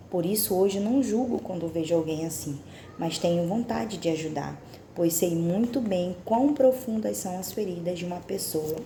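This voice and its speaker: Woman, low warm voice; devotional book reading with reflective, confessional asides, in a roomy space. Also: a little hiss or hum. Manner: reflective, confessional, asks the listener direct questions. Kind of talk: reading a book aloud with personal commentary.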